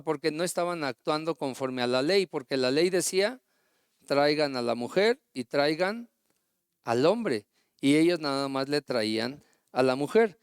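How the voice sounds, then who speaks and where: A man's voice: medium pitch, clear, resonant tone, no room sound, clean studio sound. A man preaching a sermon, retelling stories and asking the congregation rhetorical questions. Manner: storytelling with acted quotes and rhetorical questions.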